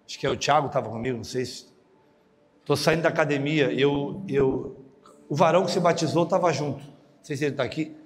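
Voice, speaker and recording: A male pastor preaching a lively sermon, joking and acting out the voices of people in his stories. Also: brisk, a little hiss or hum. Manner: animated, jokey, acts out other voices with big pitch jumps. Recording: long hall reverb.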